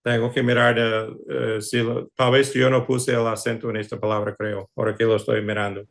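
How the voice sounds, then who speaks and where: A man's voice: on the low side, flat delivery, fairly quick, gravelly. A man who is a pastor teaching a Greek class, speaking patiently with many hesitations. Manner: patient, hesitant, fillers and restarts. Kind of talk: online class lecture.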